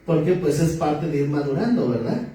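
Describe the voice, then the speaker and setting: A man's voice: fairly high pitch, animated, moderate pace, dark tone. A male pastor, preaching a sermon in a conversational, joking way and asking the audience questions. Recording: very echoey hall, far from the mic, faint noise.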